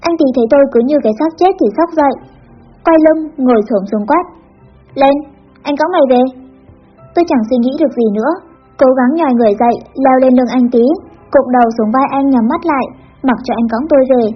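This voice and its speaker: A woman reading a teen story aloud with an even, expressive narration. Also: high-pitched, fast talker, breathy edge. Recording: dull lo-fi with faint music.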